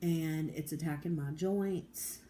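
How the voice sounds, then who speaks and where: Woman in her 40s, low mellow voice, candid home vlogger. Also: steady tone, takes it slowly, slight background noise. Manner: candid, rambling, determined, with many fillers. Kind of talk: casual personal vlog.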